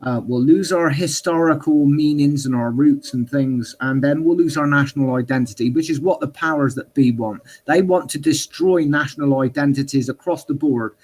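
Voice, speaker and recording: A man's voice: on the high side, moderate pace, hardly any pauses, a little mellow. A man speaking emphatically and earnestly in a political discussion.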